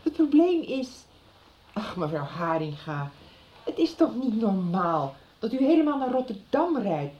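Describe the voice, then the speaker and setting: This actress's voice is a little high, with big pitch swings and an unhurried pace, as she plays the anxious, disapproving middle-aged mother of a teenage boy. It's 1990s radio drama acting, captured in a slightly dull recording. Her tone is worried and reproachful, firm but hesitant and evasive.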